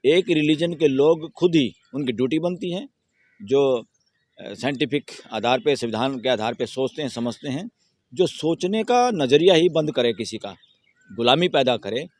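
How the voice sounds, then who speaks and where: A man speaking as an advocate in an interview, giving long emphatic answers that build into forceful rhetorical questions. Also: mid-range voice, lively intonation, normal speed, dry recording. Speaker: Supreme Court advocate, interviewee. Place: outdoors near a courthouse.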